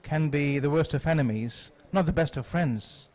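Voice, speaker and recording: A man giving live cricket commentary in a measured, analytical manner. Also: a little high, a little mellow.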